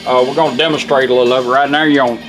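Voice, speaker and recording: Over loud music, a medium-pitched man talks very fast in a steady tone. He's a car radio restorer giving an informal, hands-on demonstration of a product, going step by step in simple words.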